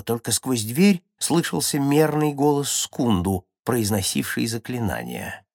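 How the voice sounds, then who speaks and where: A man narrates a children's audiobook story with dramatic swings, rising loud at tense moments and dropping to a near hush. His voice is mid-pitched and sounds dry and close-miked. The reading is steady and scripted. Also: no room sound.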